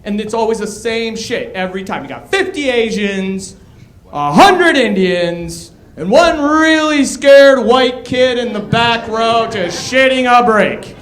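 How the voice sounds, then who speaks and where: A man in his thirties doing a stand-up comedy set, with a loud, punchy delivery and crowd work. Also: very high voice, lively intonation, measured pace. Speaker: stand-up comic. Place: comedy club stage. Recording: echoey club room. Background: audience laughter.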